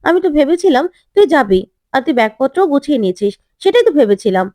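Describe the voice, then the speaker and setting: A woman's voice: high-pitched, sing-song, quick pace, dark tone, dry recording. A woman reading a sly old grandmother. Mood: needling. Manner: needling, sly tone. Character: sly old grandmother, needling her sister-in-law.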